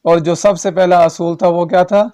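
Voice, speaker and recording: A man with a Pakistani Urdu accent teaching Quran reading, slowly chanting drawn-out syllables and then explaining quickly while checking in with the learner. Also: high voice, fairly even intonation, mellow. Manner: checks in with repeated questions to the learner. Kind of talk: recorded tajweed lesson.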